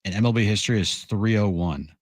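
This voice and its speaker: Co-host, man, very low voice, wry deadpan delivery, dry studio sound. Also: quick pace, no room sound. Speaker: sports radio co-host. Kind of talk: casual sports talk radio. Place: radio studio.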